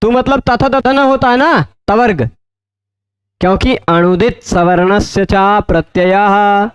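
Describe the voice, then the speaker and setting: A man teaching Sanskrit grammar in a lecture, often asking his students check questions and repeating terms slowly. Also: high-pitched, clean tone, no room sound. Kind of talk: explanatory lecture.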